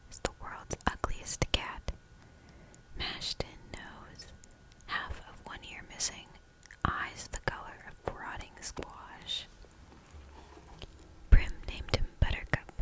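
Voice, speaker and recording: A woman reading a novel aloud for ASMR in a soft, hushed whisper, slow and deliberate. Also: poor audio.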